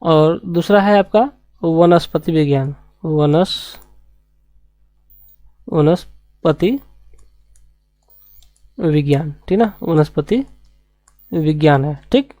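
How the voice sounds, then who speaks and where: Woman teacher going over science basics, lowish mellow voice, dry close sound, keeps repeating words and asking questions. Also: no room sound. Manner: repeats key terms slowly, asks rhetorical questions. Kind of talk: classroom lecture.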